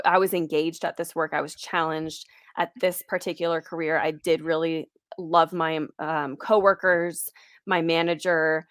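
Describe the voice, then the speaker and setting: A woman's voice: on the low side, no echo, studio quality. A woman in her late twenties, a guest speaking candidly and reflectively in an interview conversation. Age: 20s. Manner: candid, reflective, laughs lightly.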